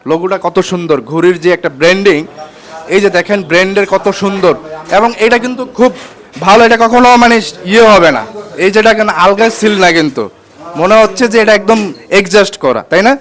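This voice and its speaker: A high-voiced man talks quickly and excitedly straight to his viewers. He is chatty and repeats himself as he points things out, in a casual vlog. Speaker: vlogger.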